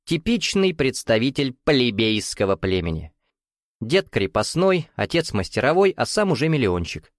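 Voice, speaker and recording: A man narrating an audiobook with expressive storytelling. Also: medium pitch, normal speed, dry recording, studio quality. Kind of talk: scripted narration.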